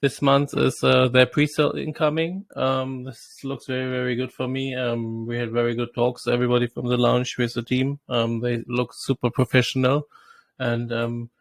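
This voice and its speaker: A man's voice: mid-range voice, level tone, normal speed, gravelly, no room sound. A man hosting an online interview in a casual, upbeat, promotional way. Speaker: host.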